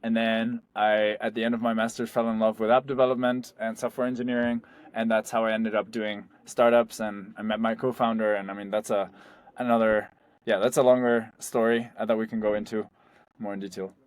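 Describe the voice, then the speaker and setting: A young Spanish startup founder talks loosely as a guest in a casual interview, peppering his speech with "like" and "um." His voice is fairly low and flat, moving along fairly quickly, with no room sound.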